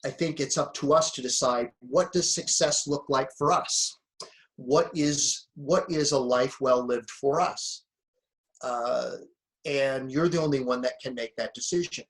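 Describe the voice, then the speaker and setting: A man's voice: medium pitch, unhurried, fairly bright tone. Around-sixty man, reflective storyteller. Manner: reflective, storytelling, chuckles often. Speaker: guest, motivational speaker and author. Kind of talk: relaxed conversational interview.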